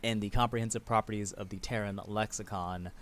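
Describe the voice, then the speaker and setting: A man narrating as game master in a tabletop game, describing scenes in a relaxed way. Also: fairly low pitch, brisk, slight background noise.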